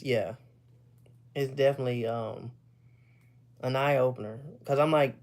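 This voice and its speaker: A man from Texas chatting casually with viewers. He is short of breath, rambles loosely, often clears his throat, and pauses to catch his breath. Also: mid-range voice, darkish tone. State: short of breath, stops for air. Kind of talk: casual chat.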